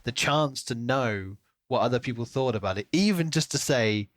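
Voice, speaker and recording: Chatting casually about books as a podcast co-host, this man keeps dropping into quotes he imagines. He speaks at a moderate pace in a mid-range voice with lively intonation, heard in a dry recording.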